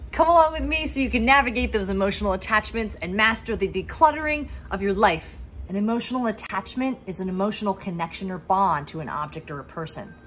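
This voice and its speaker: A woman's voice: medium pitch, a bit bright. Woman in her thirties, Philadelphia accent, professional organizer, upbeat teaching tone, faint music behind. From Pennsylvania, USA. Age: 30s. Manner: upbeat, encouraging, self-deprecating asides. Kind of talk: instructional talk to camera.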